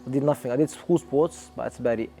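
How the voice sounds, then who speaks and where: A man's voice: medium pitch, fast, creaky, mellow, faint music behind. A young Australian man, an amateur boxer, talking earnestly and reflectively in a documentary interview, often restarting his sentences.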